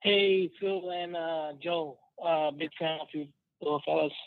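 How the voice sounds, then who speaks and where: A man's voice: fairly high pitch, steady tone, measured pace, no room sound. A man calling in to a show over a tinny phone line, chatting casually. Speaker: caller. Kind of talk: casual call-in chat.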